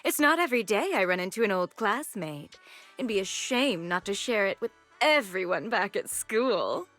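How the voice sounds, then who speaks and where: A woman's voice: medium pitch, expressive, moderate pace, fairly bright tone, soft background music, natural voice. A woman playing a snobbish rich young heiress and sorority president in an anime game, condescending and mockingly polite. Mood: smug, disdainful.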